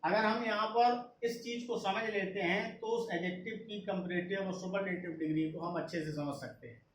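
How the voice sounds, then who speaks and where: A man with an Indian English accent, teaching an English grammar lesson slowly, repeating each point. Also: high-pitched, fairly even intonation. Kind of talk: slow classroom explanation, mixing Hindi and English. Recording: echoey room with faint noise.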